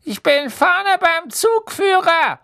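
A plump trolley witch from a storybook reading, put on by a man, high-pitched and unhurried. She drawls her words slowly and kindly, and her voice lands a little away from the mic. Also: sing-song, bright, forceful tone, exaggerated voice.

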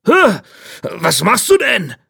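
A man reading a storybook, voicing a gruff, short-tempered male devil with a gravelly rasp and slow, growling outbursts. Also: a little high, expressive, pushed and bright, no echo, studio quality, full character voice. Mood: angry. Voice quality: gravelly, rasping.

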